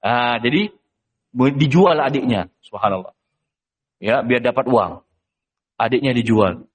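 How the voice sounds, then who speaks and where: A man teaching a religious lesson as a story, animated, asking rhetorical questions and filling with "ya". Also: mid-range voice, measured pace, husky, in a large hall.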